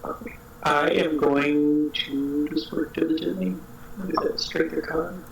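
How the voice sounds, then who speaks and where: A man's voice: fairly high pitch, fairly even intonation, unhurried, creaky, slight background noise. A man playing a tabletop game, heard over group voice chat that cuts out, thinking aloud with hesitant ums. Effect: heard over group voice chat, cutting out. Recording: echoey room over online voice chat.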